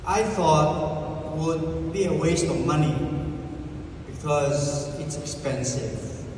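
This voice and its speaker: A man in his eighties, a plastic surgeon, giving a rambling speech at an event, with unhurried pauses and restarts. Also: fairly high pitch, a little mellow. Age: 80s. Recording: echoey hall, mic heard from a distance, audible noise.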